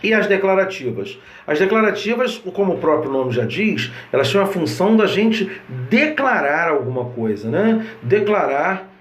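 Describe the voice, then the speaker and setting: A man's voice: high-pitched, big pitch swings, normal speed, hardly any pauses, reverberant. A man explains grammar over slides in a conversational way, often checking in with his listeners. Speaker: teacher.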